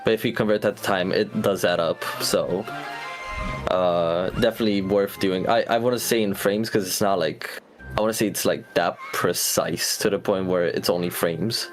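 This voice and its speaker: A man's voice: deep voice, fairly even intonation, normal speed, soft background music. A man commentating a speedrun, explaining glitches at length with many fillers and restarts.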